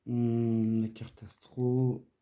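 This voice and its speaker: Slow, low-key woman with a swollen-throat, sick voice. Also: level tone, mellow. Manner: halting, murmuring to self while counting. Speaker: host of a budgeting video. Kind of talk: casual narration of cash budgeting, counting aloud. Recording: noisy, with clicks and paper rustling.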